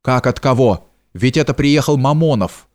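A man's voice: mid-range voice, animated, normal speed, darkish tone, natural voice. Male narrator doing a panicked young nobleman: breathless, stammering, mid-range. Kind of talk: audiobook character reading.

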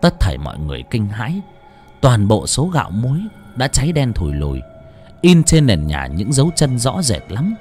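Male audiobook narrator, dramatic and very animated. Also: mid-range voice, moderate pace, faint music behind. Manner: dramatic, expressive storytelling. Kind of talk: storytelling narration.

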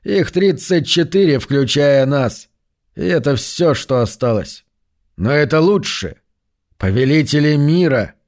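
A man voicing a proud, cold male android leader in an audiobook, speaking slowly and commandingly. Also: fairly high pitch, expressive, darkish tone.

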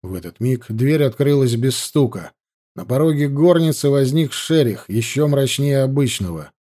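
A man narrating an audiobook in an expressive storytelling voice. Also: mid-range voice, moderate pace. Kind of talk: scripted narration.

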